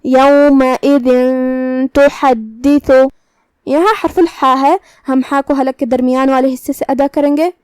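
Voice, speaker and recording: A woman with a high voice teaches Quran recitation, reciting each verse slowly and then explaining how every letter is pronounced. Her delivery is measured and methodical. The sound is dry and close, with no room echo. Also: fairly even intonation. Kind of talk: tajweed lesson with slow recitation.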